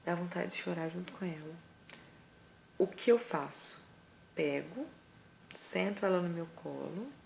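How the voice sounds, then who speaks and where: A woman's voice: lowish voice, a little slow, creaky, pauses often, darkish tone, slight background noise. A woman with a Brazilian accent, a mother giving parenting advice in a casual vlog, earnest and emphatic. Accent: Brazilian Portuguese. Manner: earnest, emphatic, acts out scolding lines.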